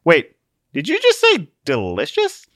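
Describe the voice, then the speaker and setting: A man's voice: on the high side, huge pitch swings, unhurried, fairly bright tone, no room sound, studio quality, voice pushed up, heavily acted. A man voicing an earnest young hero who speaks urgently.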